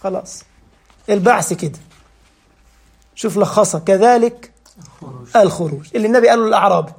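A man with an Egyptian Arabic accent preaching a religious lesson, firing rhetorical questions at his listeners and slowing down to recite verses. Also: high-pitched, gravelly, breathy edge. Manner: animated, rhetorical questions to the audience; slow, drawn-out recitation of verses.

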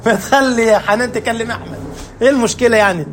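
A man's voice: very high-pitched, fairly even intonation, very fast, fairly bright tone, slight background noise. A man with an Egyptian Arabic accent preaching, interpreting verses with rhetorical questions and joking asides. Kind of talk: sermon with Quran recitation.

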